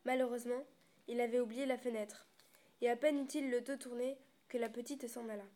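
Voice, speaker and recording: A woman reads a storybook aloud at a steady pace, stumbling and restarting now and then. Her voice sits a little high. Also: a little fast. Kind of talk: storybook reading.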